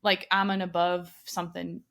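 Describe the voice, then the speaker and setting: A woman's voice: fairly low pitch, little pitch movement, normal speed, creaky, fairly bright tone. A woman in her twenties hosting a podcast, chatting casually with lots of fillers. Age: 20s. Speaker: podcast host. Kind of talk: casual chat.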